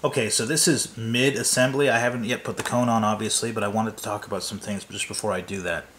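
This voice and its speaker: Low-voiced guy rambling thru his model build, lots of ums, faint hum behind. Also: steady tone, fast talker, fairly bright tone. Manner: loose, rambling, many fillers and restarts. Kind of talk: hands-on build walkthrough. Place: workbench, off camera.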